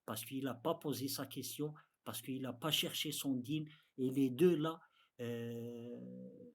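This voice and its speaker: Slow, husky man with Arabic accent. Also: mid-range voice. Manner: halting, non-fluent French with repeated phrases. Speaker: interpreter for an Islamic teacher. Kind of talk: religious lesson for beginners.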